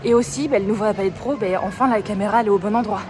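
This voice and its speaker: A young Frenchwoman with a medium-pitched voice talks very fast to her phone camera as she wanders streets and a station, casually rambling through stories and swearing now and then. It's a relaxed travel vlog, and traffic noise fills the background.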